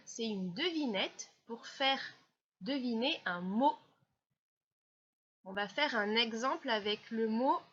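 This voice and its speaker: A woman from France, a primary school teacher explaining a lesson slowly and patiently, step by step. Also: fairly high pitch, fairly bright tone, breathy edge, muffled recording. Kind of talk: classroom explanation.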